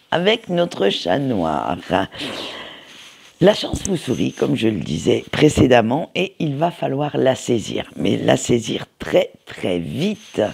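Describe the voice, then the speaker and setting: A man's voice: mid-range voice, gravelly, a little mellow, husky. A man giving a casual weekly tarot reading, hesitant and full of fillers and restarts. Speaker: tarot card reader.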